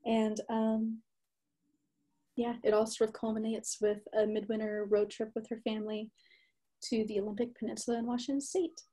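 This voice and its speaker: A woman author describing her book gently and with many hesitations, on a video call. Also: a little high, level tone, normal speed.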